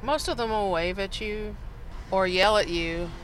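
A woman's voice: medium pitch, measured pace. A woman from Nashville, a taxi driver chatting casually with a rider in her cab and laughing easily. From Nashville, Tennessee. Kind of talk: casual chat during a ride. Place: inside a taxi at night. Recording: car interior with faint street noise.

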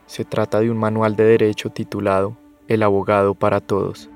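A man reading scripted documentary narration in a measured, sober way. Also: lowish voice, clear, resonant tone, faint music behind. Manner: measured, sober, even delivery.

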